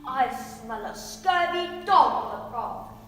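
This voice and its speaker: Gruff pirate pig captain. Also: female voice, sits high, expressive, takes it slowly, far from the mic, faint music behind. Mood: scheming. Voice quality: growly pirate talk, arrs and shouting. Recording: roomy echo from off mic.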